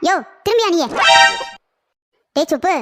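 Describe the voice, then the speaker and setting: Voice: very high-pitched, expressive, moderate pace, over loud music. A man doing a grumpy cartoon uncle. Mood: grumbling. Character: grumpy middle-aged uncle, complaining.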